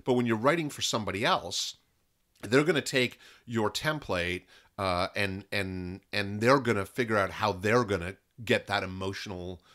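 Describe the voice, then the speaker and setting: A man from Canada, a film and content producer talking as a podcast guest in a lively way, often restarting sentences and piling up examples. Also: lowish voice, normal speed. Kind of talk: casual interview talk.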